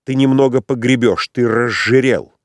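A man reading an audiobook voices a tense young woman who speaks in an urgent, sharp, commanding way. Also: medium pitch, normal speed, no echo, voice pushed up, lightly acted. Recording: dry close studio sound.

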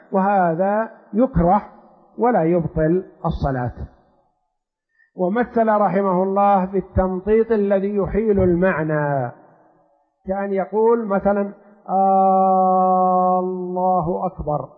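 A man lectures as a sheikh, unpacking a religious text and drawing out each example slowly. His voice sits high and sounds husky. The sound is thin and phone-like, with a long hall echo behind it. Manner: explanatory, repeats examples slowly. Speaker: sheikh teaching a fiqh text.

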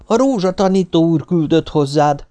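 Sly, quick-witted young boy in an audiobook, pitched up, smooth talker; male narrator voices him. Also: lively intonation, dark tone, lightly acted. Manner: smooth, eager talk.

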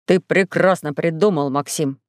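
A woman voicing a cheerful, playful male alien star traveler in an audiobook, speaking in a lowered, coaxing tone. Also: normal speed, darkish tone, dry recording, clean studio sound, lightly acted. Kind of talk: audiobook character voice.

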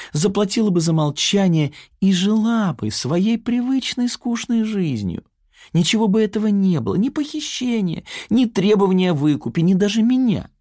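A man's voice: high-pitched, darkish tone, no room sound, clean studio sound, voice pushed up, full character voice. A man voicing a cocky, scheming young woman who taunts her timid other self.

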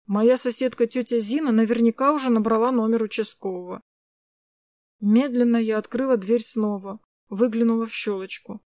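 A woman's voice: a little high, normal speed, no room sound. Woman narrating a first-person story. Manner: lively, acted dialogue.

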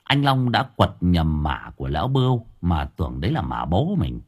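A man tells a comic story in a wry, colloquial manner. His voice is low and slightly husky, and his delivery rises and falls a lot. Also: big pitch swings, moderate pace. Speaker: audiobook narrator.

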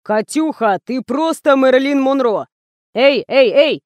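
A woman voicing a hot-tempered male film director who barks orders and shouts. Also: high voice, lively intonation, a little slow, no echo, highs cut off, voice pushed up. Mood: bossy shouting. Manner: shouting, bossy, explosive.

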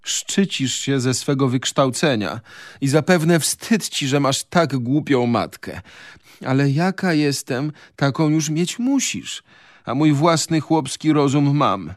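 A man's voice: mid-range voice, lively intonation, takes it slowly, no echo, studio quality, voice pushed up. A man reading aloud, voicing a pained, plaintive middle-aged mother in a radio reading of a novel.

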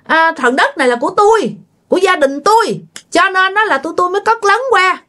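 A brash, stubborn neighbor snaps back in a high, scornful voice, as a woman storyteller puts the neighbor on. The tone climbs sharply and stays defiant. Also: lively intonation, a little fast, bright, forceful tone, full character voice.

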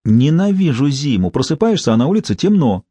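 A man reading the lines of a brisk, wry young policewoman in a recorded audiobook. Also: on the high side, very animated, mellow, dry recording.

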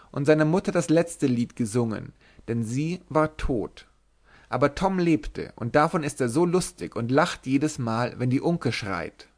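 A man reading a literary novel aloud as an audiobook narrator, measured and expressive. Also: medium pitch.

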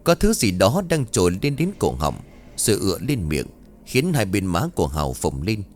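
A man narrating a scripted ghost story in a dramatic, expressive way. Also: low voice, moderate pace, slight background noise. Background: faint music.

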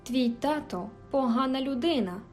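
Storybook teen girl, fiery yet tender, read by a woman, higher voice, faint music behind. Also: lively intonation, moderate pace, a little mellow. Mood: indignant. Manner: emphatic, indignant outbursts. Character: spirited teenage girl, quick-tempered but tender.

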